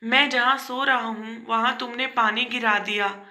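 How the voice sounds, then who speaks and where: Brief: a woman doing an irritable grown son in a storybook tale, snapping and exasperated, bright tense voice. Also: fairly high pitch, fairly even intonation, a little slow. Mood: irritated.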